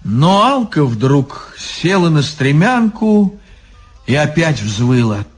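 A man narrating a story in an expressive, ironic storytelling manner. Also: on the high side, takes it slowly, husky. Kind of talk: audiobook story reading.

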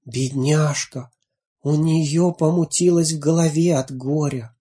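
A woman's voice: low-pitched, steady tone, slow pace, warm tone. A woman voicing a group of fussy village neighbor women in a storybook reading, pleading and fussing. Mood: whispering pity.

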